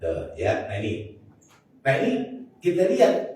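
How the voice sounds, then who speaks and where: Speaking at a medium pitch that swoops wildly, a man with a Betawi accent from Jakarta, Indonesia, gives a humorous sermon at a measured pace in a slightly mellow voice. He jokes and keeps turning to the audience to address them. He sounds distant in a very echoey large mosque hall, and there is faint noise.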